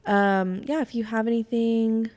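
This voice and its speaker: A woman's voice: fairly high pitch, steady tone, unhurried, darkish tone. A young woman co-hosting a podcast in casual chat, giggly and full of fillers. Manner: chatty, giggly, trails off with fillers. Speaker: podcast co-host.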